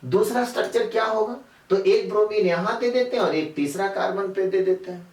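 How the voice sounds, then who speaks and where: A man's voice: sits high, a little fast, a little mellow. Male teacher, rhetorical questions, distant mic. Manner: repetitive, quizzes students with rhetorical questions. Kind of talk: classroom chemistry lecture. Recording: echoey room, mic far off.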